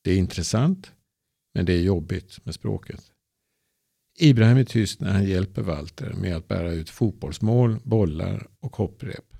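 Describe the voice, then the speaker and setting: Male narrator, low gravelly husky voice, dark tone, dry close sound. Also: animated, dry recording. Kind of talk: easy-Swedish storybook reading.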